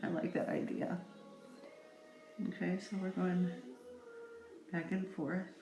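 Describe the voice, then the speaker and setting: A slow, creaky, fairly low voice with fairly even intonation belongs to a middle-aged makeup vlogger chatting playfully and ramblingly to her viewers. The audio is dull, the room echoey, and faint music plays.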